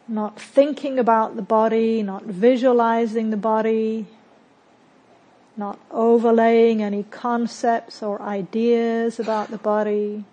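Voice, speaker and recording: Speaking at a very slow pace, a female meditation teacher guides a body scan, her voice a little on the high side. Her short, calm, gentle phrases are separated by long, unhurried pauses, and the recording is muffled.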